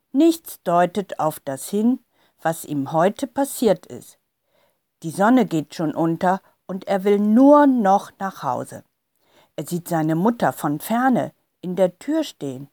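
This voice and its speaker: A woman reading a children's story aloud in a calm, expressive way. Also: on the low side, no echo, clean studio sound. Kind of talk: scripted storybook narration.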